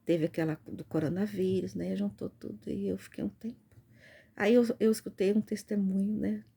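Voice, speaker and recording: A woman's voice: mid-range voice, fairly even intonation, moderate pace, creaky, mellow, husky. A Brazilian woman earnestly sharing a religious testimony in casual speech, often turning to her listeners. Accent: Brazilian Portuguese. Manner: earnest, repetitive, addresses listeners as "gente". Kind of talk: informal spoken testimony.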